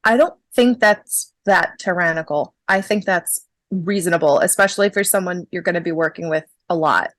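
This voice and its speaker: A woman's voice: fairly low pitch, moderate pace, few pauses, fairly bright tone, no echo. Wry woman in her thirties, dry sound. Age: 30s. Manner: chatty, wry, self-mocking. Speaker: podcast host. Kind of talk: casual chat.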